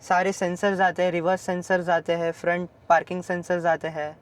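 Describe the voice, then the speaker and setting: High-voiced man answering while driving. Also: completely flat delivery, smooth. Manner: measured, mixes English words into his answers. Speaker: car owner, guest. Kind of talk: casual interview answers. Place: driving a car.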